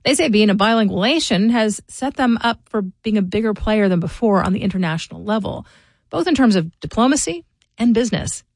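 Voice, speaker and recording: A middle-aged woman hosting a local news podcast reads scripted commentary in a measured, informative way. Her medium-pitched voice is animated, and the close, dry recording has no echo or room sound.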